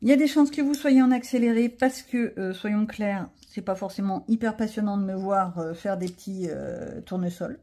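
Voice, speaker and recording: A woman's voice: mid-range voice, moderate pace, few pauses, dark tone. A woman vlogger chatting casually to viewers while she colors, with chatty self-mocking asides.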